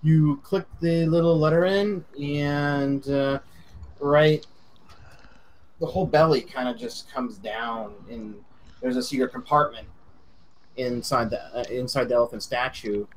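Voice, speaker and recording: A man runs a tabletop game over voice chat as its game master. His speech is casual and rambling, full of fillers as he describes the scene. His voice sits at an ordinary middle pitch. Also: unhurried, a little hiss or hum, low-quality recording.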